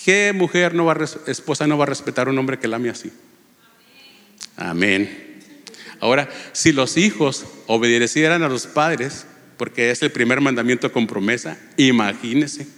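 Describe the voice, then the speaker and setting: A man delivers a sermon in a church, his voice mid-pitched and earnest. He reads scripture aloud and presses his listeners with rhetorical questions. A long reverb from the hall hangs after each phrase. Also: moderate pace, a bit bright. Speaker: lay preacher. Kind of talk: sermon with Bible reading.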